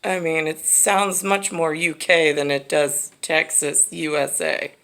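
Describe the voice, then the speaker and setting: A woman's voice: sits low, flat delivery, slow pace, gravelly, a bit bright. A woman talking casually in a rambling, disjointed monologue that drifts from one tangent to another. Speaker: vlogger.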